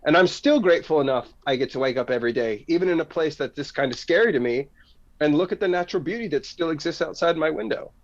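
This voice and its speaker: A man's voice: on the high side, lively intonation, quick pace, dull audio. A man from California with a stuffed-up nose, speaking in an earnest, grateful, thoughtful way. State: stuffed-up nose from wildfire smoke.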